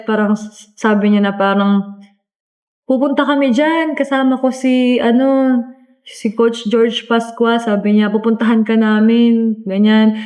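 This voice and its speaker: A woman's voice: a little high, darkish tone. A woman in her twenties, a volleyball player, telling her story in a casual interview in an earnest, chatty way, with many fillers and polite address to the interviewer. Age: 20s.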